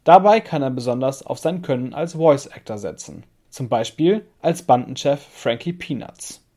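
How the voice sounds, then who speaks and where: A man's voice: mid-range voice, expressive, normal speed, warm tone. A man hosting a show, delivering scripted narration to introduce a guest. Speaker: show host.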